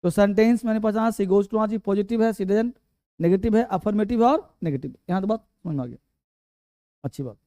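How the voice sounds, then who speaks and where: High-voiced man teaching grammar. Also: mellow, dry recording, studio quality. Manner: slow, repeats key words, quizzes students. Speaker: English teacher. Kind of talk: classroom grammar lesson.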